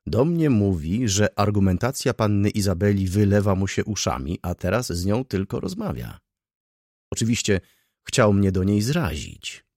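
A man's voice: on the low side, very animated, normal speed, darkish tone, dry recording, clean studio sound. A man reading as a brooding jealous merchant. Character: brooding middle-aged male merchant, jealous.

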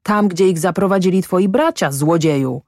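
A woman reading aloud, voicing an angry middle-aged male peasant farmer who shouts accusations. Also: fairly low pitch, normal speed, no room sound, studio quality. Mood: furious.

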